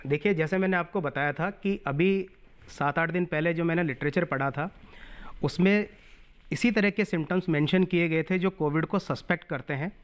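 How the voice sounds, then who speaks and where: A male doctor on a TV phone-in, explaining symptoms in a measured, cautious way. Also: on the high side. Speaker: doctor guest. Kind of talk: health advice on a TV phone-in.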